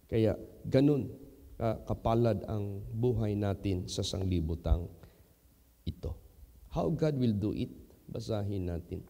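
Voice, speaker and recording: Gravelly Filipino pastor preaching slowly. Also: male voice, long reverb tail. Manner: switches between English and Filipino, slow, emphatic, sudden loud high rises. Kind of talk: sermon.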